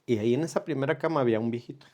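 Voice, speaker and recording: A man, sharing a personal testimony in earnest, unhurried conversational storytelling. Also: medium pitch, darkish tone. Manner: earnest, unhurried, with pauses and reenacted dialogue.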